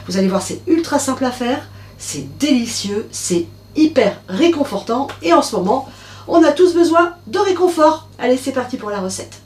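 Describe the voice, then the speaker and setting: A woman's voice: high voice, lively intonation, normal speed, a little mellow. A woman hosting her own cooking channel, chatting directly to viewers as she walks through a recipe step by step. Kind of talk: casual recipe narration.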